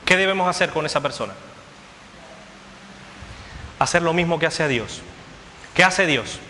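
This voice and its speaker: Preaching at a moderate pace, a pastor uses a bright, forceful voice that sits slightly above the typical male range. Repetition hammers each point in his steady cadence, and the recording carries a long church hall echo above faint room noise.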